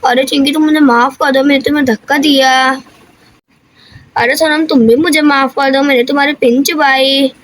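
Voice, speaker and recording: A woman's voice: sits high, steady tone, moderate pace, dry recording, close to an everyday voice. A woman voicing a mischievous little boy in a cartoon, pleading and making excuses. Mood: apologetic. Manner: pleading, defensive. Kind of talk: cartoon voice-over.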